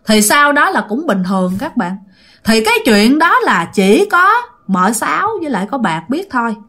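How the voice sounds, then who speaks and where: A woman's voice: on the high side, sing-song, normal speed, fairly bright tone. A woman telling a ghost story in a chatty, repetitive way, speaking directly to her listeners.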